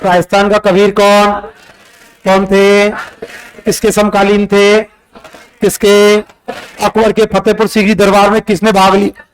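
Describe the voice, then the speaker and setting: A male teacher, quizzing a classroom in a rapid-fire exam-prep lecture and scolding students as he goes. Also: high-pitched, completely flat delivery, clean tone, poor audio.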